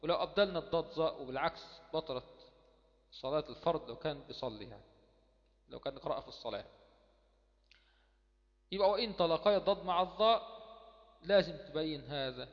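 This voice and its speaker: A man's voice: fairly high pitch, fast, pauses often. A man with an Egyptian Arabic accent teaching Quran recitation in an explanatory lecture, repeating key words and posing himself rhetorical questions. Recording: dull lo-fi sound with long hall reverb.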